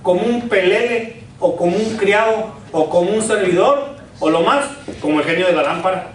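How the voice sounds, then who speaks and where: A man's voice: sits high, moderate pace, a little hiss or hum. A man, a pastor preaching a sermon with repeated rhetorical questions and call-and-response. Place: church sanctuary. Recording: echoey church from far off.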